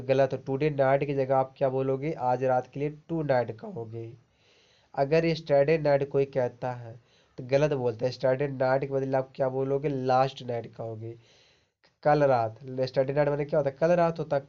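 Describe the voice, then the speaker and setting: A man's voice: mid-range voice, dark tone, lo-fi sound. A man teaching English grammar in Hindi, reading out example sentences and often checking with "okay?". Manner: explains slowly, reads example sentences aloud, keeps asking "ठीक है?".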